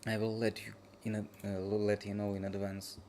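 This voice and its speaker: A tired man chatting casually as he reacts to a video, in halting, drifting phrases. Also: on the low side, monotone, darkish tone, slight background noise. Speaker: streamer reacting to a video review. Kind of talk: casual late-night reaction chat.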